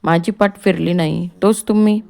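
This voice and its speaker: A woman's voice: fairly low pitch, fairly even intonation, normal speed, creaky, a little mellow. A woman reading the part of a male doctor who firmly tells his patient to rest. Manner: firm, admonishing. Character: calm male doctor, firm, reassuring.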